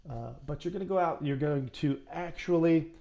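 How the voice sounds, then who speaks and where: A man's voice: a little high, moderate pace, gravelly, dark tone. A man coaching would-be actors in a casual, folksy how-to talk, addressing the viewer directly. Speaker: acting coach.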